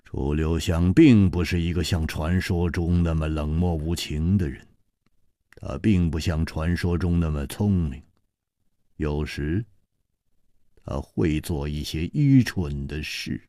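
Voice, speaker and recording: A male storyteller narrating a traditional long-form story in a dramatic way, swinging from hushed to loud. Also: extremely low pitch, slow pace, dry recording, studio quality.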